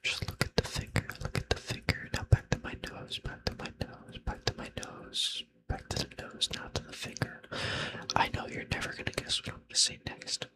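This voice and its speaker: A man doing an unscripted ASMR whispered role-play, rambling playfully in a breathy, unvoiced whisper and repeating short phrases over and over. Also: brisk. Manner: playful, self-deprecating, teasing.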